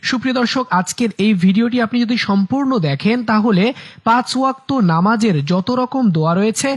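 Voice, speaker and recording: A man teaching prayers as a religious teacher, reciting phrases slowly with long drawn-out syllables for the listener to repeat, and explaining briskly in between. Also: sits high. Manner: slow drawn-out chanting of phrases for repetition.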